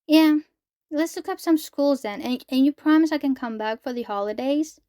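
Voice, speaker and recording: A woman's voice: sits high, moderate pace, warm tone, no echo, studio quality, voice pushed up, lightly acted. A woman reading the lines of a sheltered, timid teenage daughter from a book, with hesitant, stammering speech.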